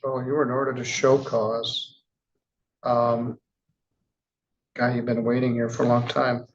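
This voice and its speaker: A man presiding as a judge in a courtroom, reading charges in a measured, formal way with casual asides. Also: mid-range voice, monotone, dull audio, slight background noise. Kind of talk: courtroom proceedings.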